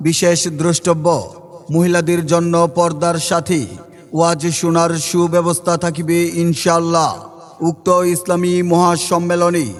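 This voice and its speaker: A man making a slow, formal public announcement for a religious gathering, in a drawn-out loudspeaker caller's manner. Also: on the high side, completely flat delivery. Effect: loudspeaker announcement with long reverb. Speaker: event announcer. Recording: long reverb with faint music behind.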